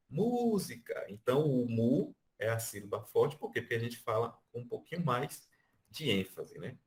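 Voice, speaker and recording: A Brazilian man teaching an online music class, explaining by counting beats and stretching out syllables. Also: medium pitch. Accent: Brazilian Portuguese. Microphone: video call.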